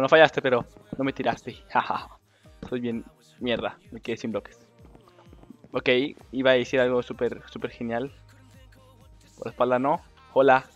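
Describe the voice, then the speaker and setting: Mexican guy playing a game and talking, swears a lot, gets excitable, dull lo-fi mic, faint music behind. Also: mid-range voice. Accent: Mexican Spanish. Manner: excitable, swearing, talks to other players. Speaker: gameplay commentator. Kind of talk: casual gaming commentary.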